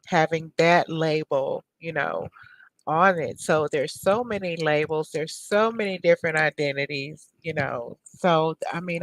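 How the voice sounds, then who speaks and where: A middle-aged woman hosts a talk show over a video call, speaking casually and rambling as she hunts for words with lots of fillers. Her voice is low-pitched and creaky, and the recording is rough.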